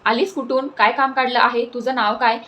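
A woman's voice: a little high, steady tone, fairly quick, bright, forceful tone. A woman voicing a palace maid who questions a stranger cautiously. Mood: wary. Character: nervous young palace maid.

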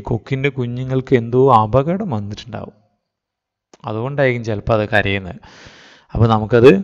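A man with a Kerala Malayalam accent, teaching an online class to young children and coaxing them with questions. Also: mid-range voice. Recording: dull lo-fi audio with long reverb.

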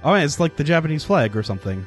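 A man's voice: on the high side, sing-song, rapid-fire, faint music behind. A man casually joking through a video game playthrough with a friend. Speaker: let's play host.

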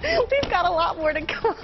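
A female news anchor reads her script in a very high voice, stifling giggles as she goes. The clip is dull, with some noise behind her. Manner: stifling giggles while reading.

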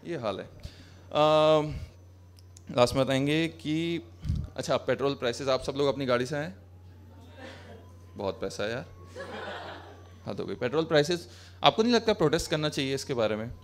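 Speaking at medium pitch with lively intonation, a moderate pace, and frequent pauses, a young man does stand-up live in a small cafe. Holding a handheld mic, he talks sarcastically and conversationally to the crowd, moving between Hindi and English.

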